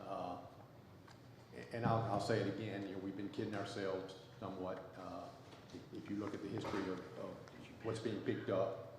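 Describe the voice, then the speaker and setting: A council member with a Southern US accent, speaking bluntly and defiantly, halting with many fillers. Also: male voice, on the low side, little pitch movement, creaky. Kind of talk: council debate remarks. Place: city council chamber. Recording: echoey council chamber, faint noise.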